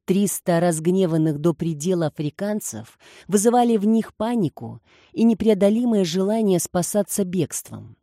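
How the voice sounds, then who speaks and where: A woman narrating a novel aloud in a steady, measured reading. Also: lowish voice, no room sound, clean studio sound. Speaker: audiobook narrator. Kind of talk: scripted narration.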